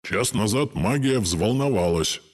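Guy doing a husky old ghost man, jumpy, pitch swings around a lot, audiobook. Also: animated, measured pace. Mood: urgent, worried. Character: anxious old male ghost, family ancestor. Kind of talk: audiobook character voice.

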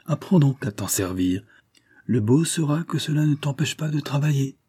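A man reading the part of an old noble father who speaks gravely but gently. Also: medium pitch, expressive, normal speed, pitched above the performer's own voice. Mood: gentle.

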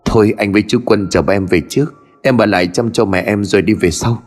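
Guy as a soft-spoken young neighbor calming someone down. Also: lowish voice, quick pace, in a large hall, faint music behind, lightly acted. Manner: calm, reassuring. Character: young man, gentle reassuring neighbor.

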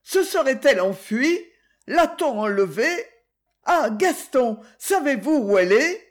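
A man's voice: very high-pitched, very animated, unhurried, voice pushed up, exaggerated voice. A man voicing a distraught noble mother, a baroness, who wails and pleads in an audiobook reading. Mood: anguished. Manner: wailing, pleading.

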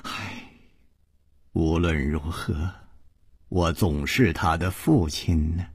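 A man's voice: steady tone, slow pace, a little mellow, husky, no room sound, clean studio sound, heavily acted. A man doing a weary, sighing middle-aged man. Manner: sighing, low, stammering when frightened.

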